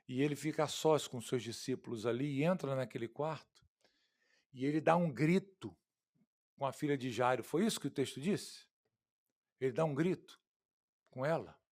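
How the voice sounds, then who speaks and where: A male pastor with a Brazilian Portuguese accent and a medium-pitched voice delivers an expository sermon. He swings between loud, emphatic lines and hushed, quiet ones, calling his listeners "queridos" and "irmãos."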